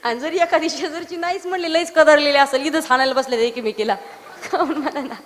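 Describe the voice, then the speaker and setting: High pitched lady with preaching kirtan in a big echoey hall, jokes with the crowd, sudden loud bits. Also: fast talker. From Maharashtra. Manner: lively, teasing the audience with acted dialogue and sudden loud outbursts. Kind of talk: Marathi kirtan sermon with sung verses. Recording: reverberant hall.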